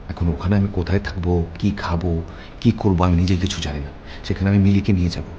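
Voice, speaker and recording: Guy acting as a stern artist husband, really deep voice, lectures his wife. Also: warm tone, highs cut off, a little hiss or hum, lightly acted. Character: artist husband arguing over parting, male adult. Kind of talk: TV drama acting.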